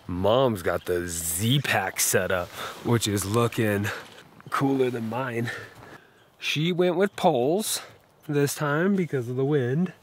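A man's voice: mid-range voice, slow pace, a little hiss or hum. A man hosting an outdoor vlog, narrating casually and with enthusiasm from a mountain campsite into a handheld camera mic. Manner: chatty, enthusiastic. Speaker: vlog host.

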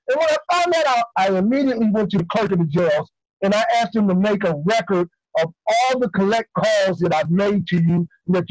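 A man playing a jailed father calling his daughter, talking in a hurried, pleading and excited way. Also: very high-pitched, no echo, low-quality recording. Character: jailed middle-aged father, pleading and eager. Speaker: church skit actor.

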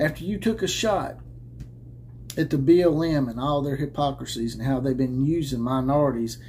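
Indoors, caps hung on the wall behind him, a college football commentator in his thirties sits at a desk camera that frames his head and shoulders. His fairly high, slightly mellow voice carries an opinionated, sarcastic, combative rant punctuated by mocking laughs, with slight background noise.

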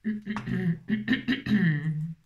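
A woman speaks very slowly in a fairly low voice, hosting a craft tutorial while unwell with a migraine. Rambling and self-mocking, she talks to viewers as she works. The audio is dull with slight background noise.

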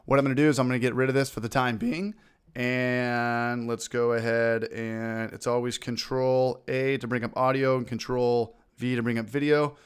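A man hosting a screen-recorded software tutorial, upbeat and informal, talking through each click. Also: mid-range voice, steady tone, moderate pace, smooth. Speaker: video tutorial host.

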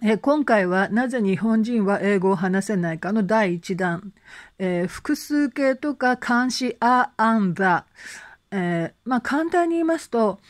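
A woman teaching English conversation in an online lesson, speaking in a gentle, encouraging way with frequent fillers and reading out slow, careful English examples for learners to repeat. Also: medium pitch, expressive, no room sound, clean studio sound.

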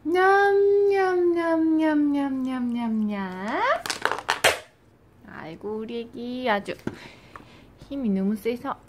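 A woman's voice: fairly high pitch, expressive, unhurried. A young mother at home coaxing her baby to eat with playful sing-song baby talk. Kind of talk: casual home video. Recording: noisy home recording.

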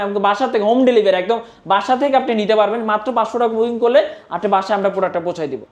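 A Bangladeshi salesperson giving a hard-sell promotional pitch for products in an insistent, repetitive, urging manner. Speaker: phone shop salesperson.

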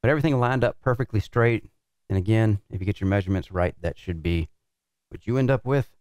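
A middle-aged man, the show's reviewer, calmly walking through assembling a racing cockpit in his workshop, talking practically as he works. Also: on the low side, fast, no room sound, clean studio sound. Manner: relaxed, practical explaining while working with tools. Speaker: sim racing equipment reviewer. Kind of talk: hands-on product setup walkthrough. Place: large indoor workshop with concrete floor.

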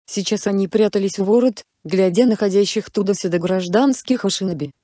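A woman narrating a story in a calm, steady reading voice. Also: mid-range voice, brisk, dry recording, clean studio sound. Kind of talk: storybook narration of fan fiction.

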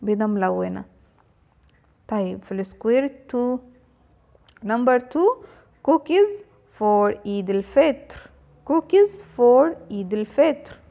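A young woman with an Egyptian Arabic accent, teaching an English phonics lesson to small children and repeating each sound slowly. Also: fairly high pitch, animated, creaky, dark tone. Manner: slow, drawn-out sounding of letters and words, repeated for children.

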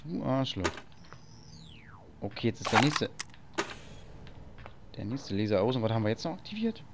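A man's voice: medium pitch, sing-song, moderate pace, very noisy. A man casually commenting on a video game while he plays, thinking aloud and muttering to himself. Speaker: let's play host.

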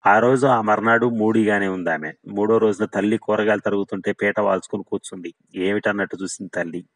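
A man reading a novel aloud in a steady, measured narration. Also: on the low side, dry recording, poor audio. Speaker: audiobook narrator.

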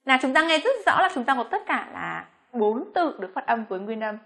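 A Vietnamese woman teaching English pronunciation, speaking slowly on her model words between quicker explanations. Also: a little high, big pitch swings, creaky, a bit bright. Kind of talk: pronunciation lesson.

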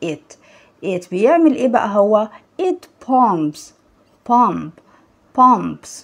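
A woman's voice: medium pitch, big pitch swings, drawn-out words, vocal fry. A woman with an Egyptian accent teaching young children, patiently repeating words and praising her pupils. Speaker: English teacher. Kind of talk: online lesson for young children.

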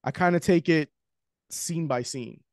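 This screenwriter from Queens, New York, is a man in his forties with a New York accent and a rather high, unhurried voice. Appearing as a guest on a video call from a home room with shelves, he chats casually and animatedly, talking a lot and gesturing as he goes. He uses a studio mic with headphones, so the sound is clean with no room noise.

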